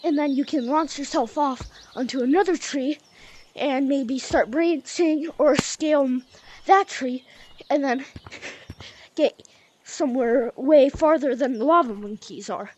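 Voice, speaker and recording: A gaming tutorial host, a young woman, walks through a game move by move in a casual, chatty way, a bit breathless and fond of "y'all" and "like." Her high voice is a little mellow and keeps a measured pace. Some hiss or hum sits under the recording.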